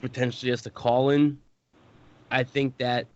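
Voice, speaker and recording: A man's voice: medium pitch, flat delivery, normal speed, a little mellow, clean tone, dry recording, muffled recording. A man co-hosting a podcast, chatting casually about a tabletop game and rambling with frequent self-corrections. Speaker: podcast co-host.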